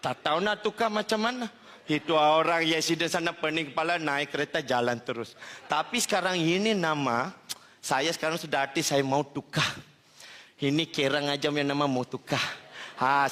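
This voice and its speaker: A man performing a stand-up comedy routine on a television stage, talking in comic broken Malay with a put-on foreign accent and shouted catchphrases. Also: fairly high pitch, moderate pace.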